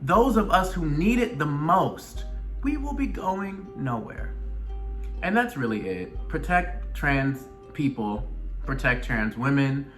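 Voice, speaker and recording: A show host from Atlanta, Georgia, speaks with a Southern US accent in a medium-pitched, slightly bright voice. Addressing his viewers with earnest emphasis, this video blogger offers personal commentary and keeps hammering home key phrases through repetition.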